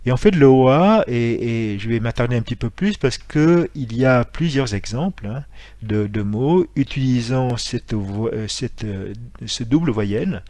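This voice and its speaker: A man teaching a lesson, explaining with frequent pauses and self-corrections. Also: medium pitch, darkish tone, no room sound. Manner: hesitant, many fillers and self-corrections; explanatory, spells out letters and sounds. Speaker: martial arts instructor.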